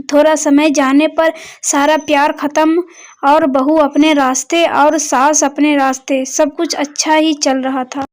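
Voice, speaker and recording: A woman reading a scripted family story as narrator, in a flat, even manner. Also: high voice.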